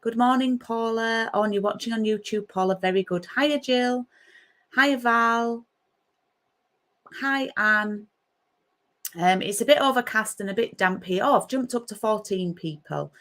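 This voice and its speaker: This middle-aged Yorkshire woman has a slightly high, fairly bright voice and a measured pace. She chats casually on a craft live stream from her home craft room, greeting viewers by name.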